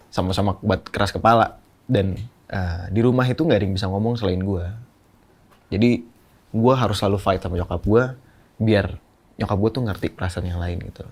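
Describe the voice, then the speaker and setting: A man's voice: on the low side, normal speed, long pauses. A young man, a podcast guest, telling a candid, emotional personal story in slangy casual speech.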